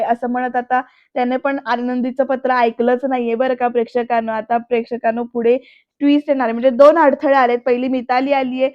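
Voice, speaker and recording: A woman's voice: high-pitched, no room sound, muffled recording. A woman narrating a casual voice-over recap of a TV serial, talking straight to the viewers. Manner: chatty, addresses viewers directly. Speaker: serial reviewer. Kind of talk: casual voice-over episode review.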